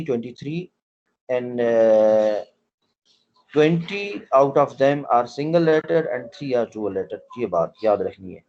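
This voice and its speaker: A man's voice: mid-range voice, a little mellow, highs cut off. A man teaching a language class online, explaining things step by step and often repeating his point as he quizzes his students. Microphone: online call audio.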